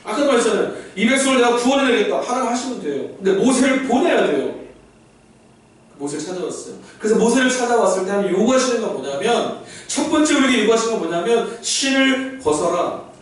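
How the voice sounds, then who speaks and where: Guy pastor preaching, high voice, lively, asks the crowd stuff, big echoey church heard from far off. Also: quick pace. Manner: animated preaching, acts out God's voice and asks the crowd questions. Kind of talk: sermon. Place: large echoey church hall. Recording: echoey hall from far off, faint noise.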